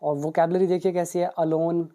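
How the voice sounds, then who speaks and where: Guy teacher flipping through an english book, very mellow dark tone, explains each bit step by step. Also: on the high side, flat delivery, normal speed. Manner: explains step by step, reads out Hindi and English examples. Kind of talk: book walkthrough lesson.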